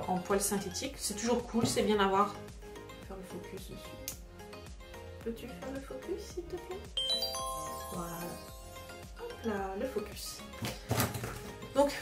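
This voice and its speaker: A woman's voice: on the high side, distant mic. Chatty woman unboxing in an echoey room. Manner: chatty, hesitant with frequent filler sounds. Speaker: craft vlogger host. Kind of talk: casual unboxing vlog. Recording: roomy echo, voice away from the mic, music behind. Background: background music.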